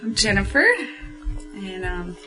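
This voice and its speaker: A woman in her thirties who grew up in Florida, giving a personal testimony hesitantly, with many pauses and fillers. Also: mid-range voice, sharp tone, faint music behind, rough recording. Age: 30s. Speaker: program participant.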